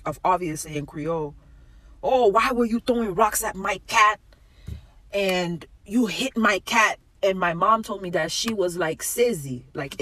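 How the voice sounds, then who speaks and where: A woman with a Haitian accent, recounting a family tale in a casual story-time manner. Her voice sits low, and she tells it with animation, tossing in Creole phrases as she goes. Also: fairly bright tone.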